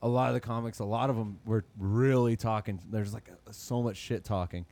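A male comedian in casual podcast chat, talking in a laid-back, halting, profane way. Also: on the low side, fairly even intonation, warm tone.

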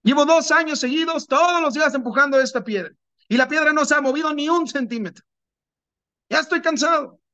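A man's voice: extremely high pitch, a little fast, sharp tone, voice pushed up. A man voicing a weary, discouraged worker. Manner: tired, complaining.

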